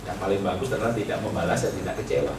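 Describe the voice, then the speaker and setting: A man's voice: fairly low pitch, very fast, vocal fry. A man preaching a sermon at a church retreat, humorous and teasing, laughing often with the congregation. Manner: acts out people's prayers in mocking voices. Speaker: pastor. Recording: echoey hall, mic at a distance, background noise.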